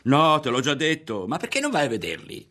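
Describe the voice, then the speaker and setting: A man's voice: medium pitch, lively intonation, normal speed, pitched above the performer's own voice, lightly acted. A man reading an audiobook voices a keyed-up teenage boy who answers impatiently. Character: anxious, excitable teenage boy.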